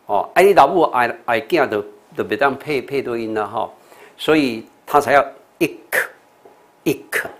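A man's voice: mid-range voice, expressive. An older man with a Taiwanese accent, a monk teaching English pronunciation in a TV lecture, repeating sounds and words with many "oh" and "ha" fillers. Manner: slow, repetitive drilling with fillers like "oh" and "ha".

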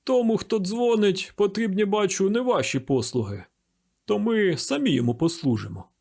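A man's voice: sits high, expressive, moderate pace, darkish tone, pitched above the performer's own voice. A man reading an audiobook, voicing a stern male gendarme who gives curt orders. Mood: commanding. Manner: commanding, curt.

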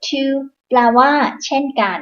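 Slow patient woman teaching beginners. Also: dull audio. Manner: patient, repeats each phrase slowly. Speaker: English teacher. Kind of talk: slow instructional explanation.

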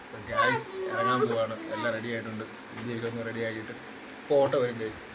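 A man's voice: medium pitch, racing. A young man from Kerala talking casually to his viewers as a vlogger, calling them guys and hesitating with fillers. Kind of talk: casual vlog talk to camera. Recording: clear background noise.

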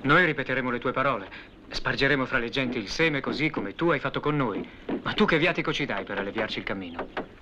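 An earnest disciple questioning his master, played by a man in a 1970s film drama. He speaks in a mid-range voice. Clear hiss runs under the old soundtrack. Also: medium pitch, animated, fast talker, close to an everyday voice. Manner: earnest, inquiring.

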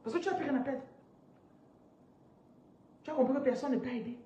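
A woman in her thirties, a spiritual business coach, teaching on a live stream in an animated, interactive way and reading out viewers' comments from a chair indoors. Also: high voice, brisk. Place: indoors, seated on a large ornate chair. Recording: roomy echo, somewhat distant from mic, faint noise.

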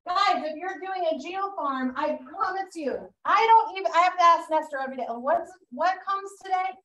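A woman's voice: extremely high pitch, moderate pace, sharp tone. A woman with a Boston accent leading a real estate training class, chatty and loose with fillers and restarts. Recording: echoey room, mic far off.

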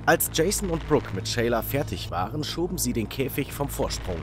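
Animated male storytime narrator. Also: medium pitch, normal speed, over music. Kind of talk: scripted first-person storytime narration.

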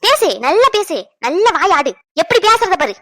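A woman voicing a sharp-tongued, nagging middle-aged mother in a cartoon dub. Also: sits high, expressive, no room sound. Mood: scolding. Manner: scolding, nagging, rapid-fire. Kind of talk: cartoon dubbing.

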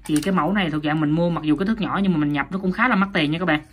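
A woman's voice: low voice, racing, a little hiss or hum. A woman reviewing and unboxing a toy in a chatty, casual way, often addressing viewers and laughing at herself.

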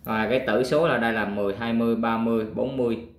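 A man teaching a math lesson, working through a worksheet, counting aloud step by step and pausing with fillers. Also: medium pitch, steady tone, echoey room.

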